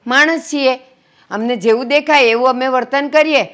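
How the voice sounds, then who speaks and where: A woman's voice: mid-range voice, unhurried, natural voice. A woman playing an older mother who heads the family, making peace and lecturing earnestly. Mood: stern scolding. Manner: earnest, scolding when roused. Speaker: family matriarch. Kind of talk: family drama acting.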